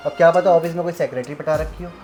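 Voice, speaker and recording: A man's voice: on the high side, rapid-fire, music in the background, lightly acted. A young man playing a pushy brother-in-law who coaxes and wheedles in a melodramatic short film. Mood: coaxing. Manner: coaxing, wheedling.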